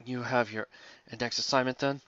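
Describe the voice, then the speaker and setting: A reader puts on an irritated anime colonel. The voice drops low and turns curt, commanding and sarcastic. It is dry, slightly muffled audio. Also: steady tone, fairly quick, a bit bright, no echo, close to an everyday voice. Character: gruff, irritated military colonel of anime parody. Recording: dull lo-fi recording.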